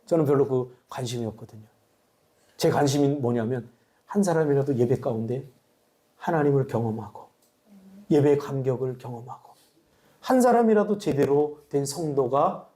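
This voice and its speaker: A middle-aged male pastor preaching a sermon, swinging between loud exhortation and hushed asides. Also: medium pitch, lively intonation, moderate pace, pauses often.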